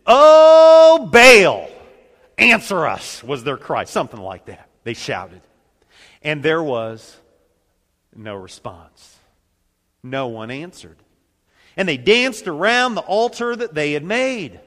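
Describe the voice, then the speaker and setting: A man preaching a sermon, reading scripture with dramatic commentary and sudden shifts between loud and soft. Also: a little high, lively intonation, slow pace, pauses often. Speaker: pastor. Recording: long reverb of a large hall.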